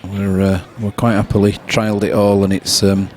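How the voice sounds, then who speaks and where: A man's voice: fairly low pitch, level tone, normal speed, noisy background. Chuckling snooker commentator, man. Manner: laughs easily, chatty. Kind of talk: relaxed live sports commentary.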